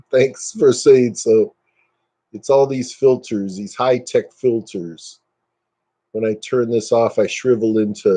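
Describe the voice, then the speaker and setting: A man in his fifties chats through a live stream with a relaxed, mellow voice that sits a little low. He jokes easily and pokes fun at himself as he goes. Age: 50s. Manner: joking, self-mocking, chatty. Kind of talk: casual live-stream chat.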